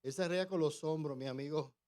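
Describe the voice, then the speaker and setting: A man preaching a testimony in church, telling the story with halting restarts and acted-out voices. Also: on the high side, a little mellow. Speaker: pastor. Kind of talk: testimony sermon.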